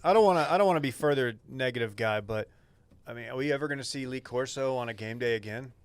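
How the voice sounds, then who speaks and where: A man's voice: medium pitch, fast, smooth. An American man hosting a sports podcast with casual, teasing banter.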